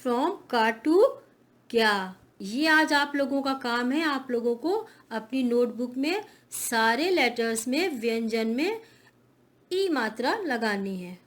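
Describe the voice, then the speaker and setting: A woman's voice: on the high side, expressive, slow pace, a bit bright. A woman teaching children in an online class, explaining letter sounds patiently and drawing each one out.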